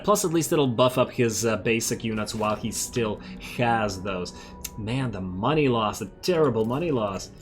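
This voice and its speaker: A man giving casual, think-aloud commentary while playing a strategy game, self-amused and slightly losing his voice. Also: mid-range voice. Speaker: strategy game let's-play host.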